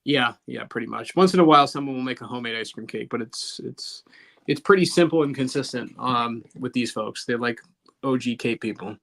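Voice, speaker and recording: A man with a Boston accent who talks fast and slurs his words, hosting a casual live-stream chat. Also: mid-range voice, vocal fry, a bit bright.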